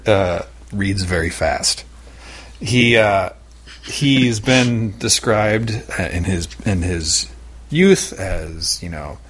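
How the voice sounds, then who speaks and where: A man on a casual podcast panel with a husky, slightly low voice. He rambles and hesitates, filling gaps with ums and uhs as he thinks aloud. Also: a bit bright. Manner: rambling, hesitant, many fillers.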